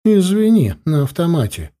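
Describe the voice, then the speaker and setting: A man's voice: a little high, big pitch swings, normal speed, dark tone, pitched above the performer's own voice. A man doing a blunt, curt grandmother. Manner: curt, matter-of-fact answers. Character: blunt, sharp-tongued grandmother, older woman. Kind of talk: audiobook character voice.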